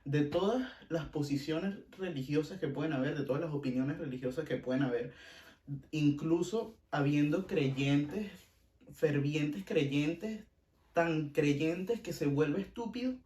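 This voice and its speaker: A man with a Venezuelan Spanish accent hosts a casual podcast, offering blunt opinions and repeating himself for emphasis. His voice is a little high, dark in tone and unhurried. The distant mic catches an echoey room.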